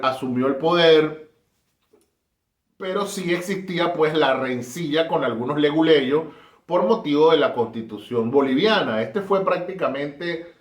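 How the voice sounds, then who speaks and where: A man's voice: medium pitch, reverberant. A man with a Colombian Spanish accent giving a casual spoken history talk, emphatic and fond of repeating phrases for effect. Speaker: history commentator.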